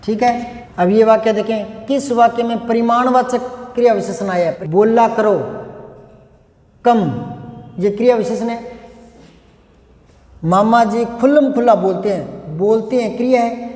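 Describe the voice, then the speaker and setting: High-voiced teacher in an echoey room. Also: male voice, a little slow, long pauses, a little mellow. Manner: explains step by step, asks questions and answers them himself. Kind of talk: grammar lesson. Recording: echoey room with long reverb.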